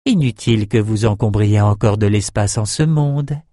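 A man voicing a cruel female sorceress who speaks softly and silkily, recorded dry. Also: lowish voice, normal speed, dry recording, natural voice. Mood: silky cruelty. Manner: soft, purring. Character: cruel sorceress twin woman, silky and cold.

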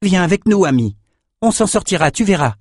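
A man's voice: on the high side, lively intonation, normal speed, darkish tone, no echo, studio quality, pitched above the performer's own voice. A man voicing an eager young male swordsman in an audiobook, urging and pleading. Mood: urgent. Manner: urgent, pleading.

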